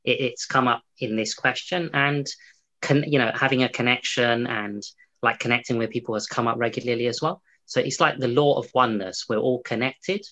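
A man's voice: medium pitch, brisk, bright, forceful tone, poor audio. A man hosting an interview, asking long, winding questions with many restarts. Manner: rambling, full of fillers and restarts. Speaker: interview host. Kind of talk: hosted interview.

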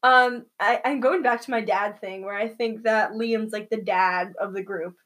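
A woman's voice: mid-range voice, steady tone, moderate pace, fairly bright tone. A young woman chatting casually as a co-host, giggling often and filling her talk with "like". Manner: giggly, chatty, many fillers. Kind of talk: casual chat.

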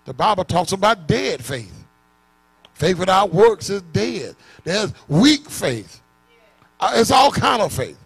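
Animated male preacher, high-pitched and lively, calling on the congregation. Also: slow, creaky, breathy edge, soft background music. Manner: call-and-response, engaging the congregation; animated, bursts into shouts. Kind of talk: sermon.

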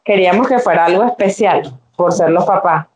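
A young woman with a Venezuelan accent, a podcast guest, telling her story in a casual, animated way and acting out the voices of the people in it. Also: on the low side, a little fast, slight background noise, low-quality recording. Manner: animated, acts out quoted voices.

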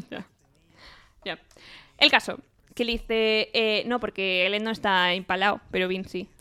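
A woman recaps chapters in a smooth, clear voice. She talks at middling pitch in relaxed podcast chat and slips into the characters' lines as she goes. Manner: retells chapters briskly, acting out lines. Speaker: podcast co-host. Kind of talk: casual book-club chat.

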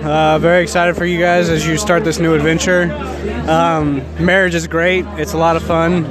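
A married man sincerely giving faith-based marriage advice to the newlyweds, speaking haltingly. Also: on the high side, little pitch movement. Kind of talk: earnest casual advice. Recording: outdoor party with music and crowd.

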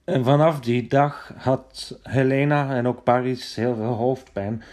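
A man's voice: mid-range voice, a little mellow. A man telling a children's story playfully and dramatically, dropping to whispers for suspense.

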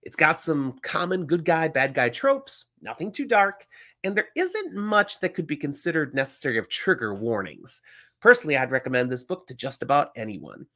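Animated man podcasting with a slightly stuffy nose. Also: on the high side, normal speed. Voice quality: slightly stuffy, congested voice from a cold. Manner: informal, emphatic, animated. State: getting over a cold. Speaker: podcast host. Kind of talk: enthusiastic solo book-talk podcast.

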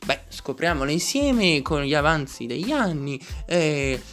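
A man's voice: fairly high pitch, sing-song, a little slow, a bit bright. A man hosting a comic monologue, talking in a sarcastic, joking rant. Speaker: host.

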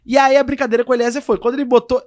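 A young man tells a story in a relaxed, casual chat. His voice sits high and his words come fast, and he slips into the voices of the people he quotes. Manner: animated, acts out quotes and voices. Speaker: podcast guest.

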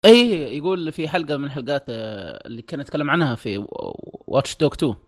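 A man's voice: medium pitch, very animated, fast. A young man, co-hosting a casual podcast, telling stories with animation and laughing a lot. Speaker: podcast co-host.

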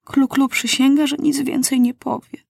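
A woman's voice: sits high, little pitch movement, moderate pace, creaky, no room sound, studio quality, pitched above the performer's own voice. A woman voicing a solemn, loyal young girl who speaks of herself in the third person, in a storybook reading. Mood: solemn devotion.

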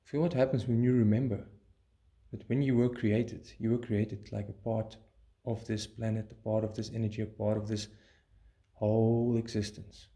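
A man leading a guided meditation in a calm, soothing, measured way, pausing between short phrases. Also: on the low side.

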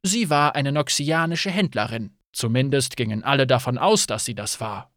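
A man reading a fantasy audiobook as narrator in an expressive, scripted style. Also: medium pitch, normal speed, no echo, studio quality.

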